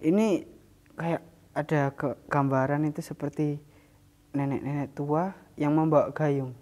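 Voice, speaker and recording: A man's voice: on the high side, steady tone, a little slow, a little mellow. A man hosting a spiritual mystery channel in casual chat, loose and talkative with many fillers and frequent laughs.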